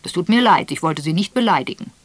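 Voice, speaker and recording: A woman voicing a blunt, frank old rich man who talks loudly and gruffly and gives orders. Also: lowish voice, lively intonation, fast talker, dry recording. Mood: blunt, commanding.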